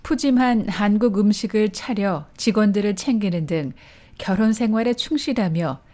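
A woman documentary narrator reading a scripted human story in a measured, literary way. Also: mid-range voice, mellow.

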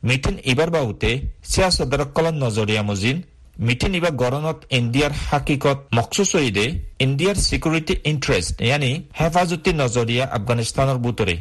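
A man's voice: mid-range voice, fairly quick. A man presenting news on an AM shortwave radio programme, reading from a script.

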